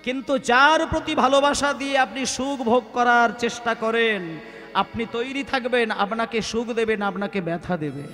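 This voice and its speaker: A man's voice: very high voice, moderate pace, bright, forceful tone, long reverb tail, soft background music. A man with a Bengali accent preaching a devotional sermon at a kirtan gathering, asking the audience rhetorical questions.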